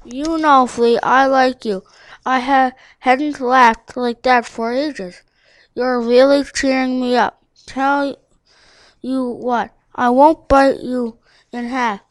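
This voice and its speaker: A worn-out old dog drawls his lines slowly, sardonic and unimpressed, in a storybook. A woman plays him with a high voice. The recording is close with no room. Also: steady tone, no echo. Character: gruff, weary old male dog. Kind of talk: storybook read-aloud.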